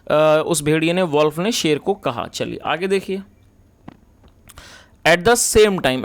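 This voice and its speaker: Smooth-voiced man teaching English grammar. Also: sits high, no echo. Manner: reads English lines slowly, explains fast. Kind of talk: explaining a story line by line.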